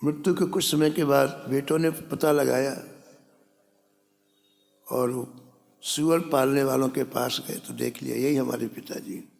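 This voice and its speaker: Gravelly-voiced man giving a sermon. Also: medium pitch, unhurried, pauses often. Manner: animated storyteller who briefly acts out the characters' lines. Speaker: preacher telling a devotional story. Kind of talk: Hindi sermon storytelling. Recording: long hall reverb.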